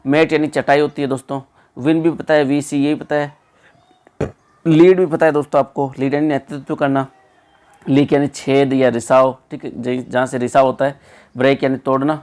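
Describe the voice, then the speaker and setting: A man who teaches exam prep and talks through each answer slowly. He repeats key words and keeps checking in with friendly fillers. His voice sits in an ordinary middle pitch. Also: flat delivery, a little mellow, clean tone. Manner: repetitive, checks in with 'theek hai' and 'doston'.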